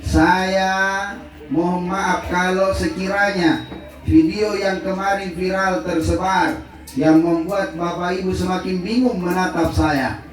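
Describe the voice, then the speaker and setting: A preacher gives a playful, joke-filled sermon at a condolence gathering. His voice sits high for a man. The sound is very echoey and picked up from far away. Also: fairly even intonation, takes it slowly. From South Sulawesi, Indonesia. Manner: jokey, playful, addresses the audience directly. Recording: very echoey hall, mic far off.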